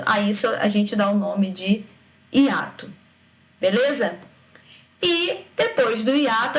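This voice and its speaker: A woman teacher talks through a recorded grammar lesson with a fairly high voice. She drags syllables out slowly to demonstrate sounds, then keeps checking in with her students.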